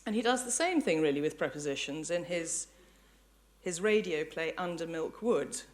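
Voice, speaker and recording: A woman lecturer from England, with an English accent, presents a public academic lecture in a lecture hall in front of an audience. She has a low-pitched voice with lively intonation and speaks at normal speed. Her phrasing is reflective, like thinking aloud, occasionally hesitant and self-correcting.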